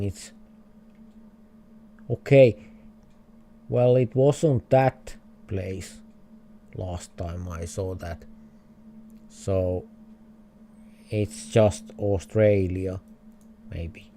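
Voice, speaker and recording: Extremely slow and full of long pauses, a man with a Finnish accent talks through a geography game on his livestream in hesitant, chuckling English. His voice is fairly low and mellow, with slight background noise behind it.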